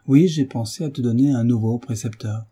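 A man reading a novel aloud, voicing a gentle mother who pleads tenderly but stays firm with her son. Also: mid-range voice, brisk, husky, lightly acted.

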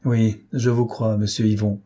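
A man voicing a loyal, reserved old male servant who speaks quietly and sadly. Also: mid-range voice, fairly even intonation, moderate pace, husky, close to an everyday voice. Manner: sad, quiet.

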